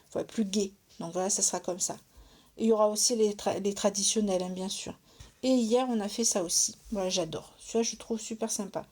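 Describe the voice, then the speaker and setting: Chatty middle-aged woman, mellow voice. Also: mid-range voice. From France. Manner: chatty, asks "d'accord?" often, thinks aloud with fillers. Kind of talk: casual live crafting tutorial.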